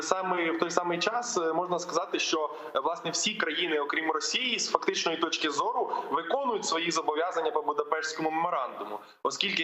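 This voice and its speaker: A man's voice: fairly high pitch, pushed and bright. A man speaking as a political analyst on a live interview link, explaining at length with frequent hesitations. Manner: hesitant, many fillers. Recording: echoey, dull remote link.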